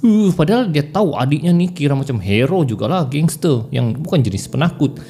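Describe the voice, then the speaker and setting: A man's voice: fairly high pitch, fairly quick, creaky. A man hosting a horror story podcast, telling the tale casually and acting out the characters' cries. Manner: animated, acts out voices and cries in the telling.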